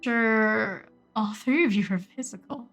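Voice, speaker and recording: A woman's voice: a little high, unhurried, a bit bright, highs cut off, faint music behind. A woman giving casual live gameplay commentary, muttering in short clipped fragments as she thinks aloud. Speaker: game streamer.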